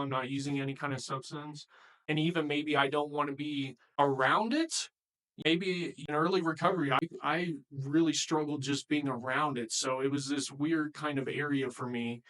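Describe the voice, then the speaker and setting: A man with a somewhat high voice talks to viewers in an earnest, informal way and calls them "guys". He gives practical recovery advice as a coach and often circles back to repeat his points. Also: fairly bright tone, rough recording. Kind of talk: informal advice talk to camera.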